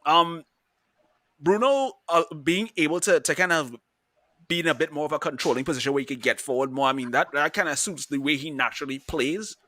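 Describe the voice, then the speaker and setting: A man's voice: on the high side, a little fast, sharp tone, no room sound. A man in his thirties co-hosting a casual football chat, rambling with restarts and laughing easily. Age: 30s. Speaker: podcast co-host.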